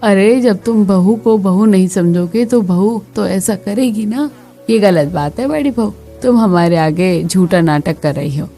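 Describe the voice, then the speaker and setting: A woman's voice: mid-range voice, measured pace, dark tone, soft background music, natural voice. A woman voicing a preachy, disapproving older aunt-in-law visiting the family in a skit. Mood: lecturing.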